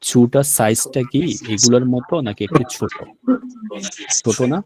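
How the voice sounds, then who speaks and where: A man's voice: mid-range voice, normal speed, darkish tone. A man teaching a language class, patiently repeating words and checking that students follow. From Bangladesh. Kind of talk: classroom lesson explaining vocabulary.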